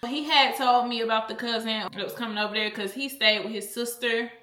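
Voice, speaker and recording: A woman talks on in a casual storytime vlog, blunt and easily sidetracked. Her voice sits a little high and rings bright and forceful. The echoey room around her adds a roomy tail to each line. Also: fairly even intonation, brisk. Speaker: vlogger. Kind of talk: casual storytime chat while eating.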